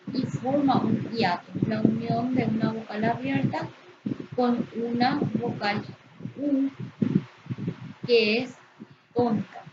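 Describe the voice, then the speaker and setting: Slow, careful woman teacher, echoey lo-fi. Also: on the high side. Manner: slow, careful, stresses syllables to demonstrate. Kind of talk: spelling lesson. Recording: echoey, muffled, noisy lo-fi.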